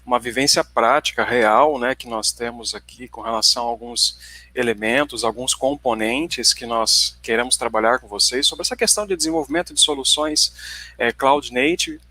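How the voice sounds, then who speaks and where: A man in his forties with a Paraná Brazilian Portuguese accent gives a conversational company presentation in a tech webinar, frequently checking in with his listeners. His mid-range voice is sharp in tone and moves at a moderate pace, with no echo on the recording.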